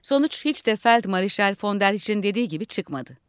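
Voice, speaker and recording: A woman reading a satirical story aloud for radio, acting out the shouting crowd as she goes. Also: mid-range voice, expressive, fairly quick, clear, resonant tone, no echo, studio quality. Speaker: reader. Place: radio studio.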